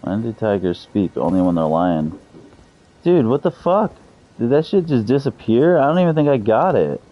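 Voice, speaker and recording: A man's voice: mid-range voice, big pitch swings, normal speed, lo-fi sound. A man in his thirties streaming a game, chatting loosely and cursing freely with his viewers. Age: 30s. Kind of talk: casual live-stream chat.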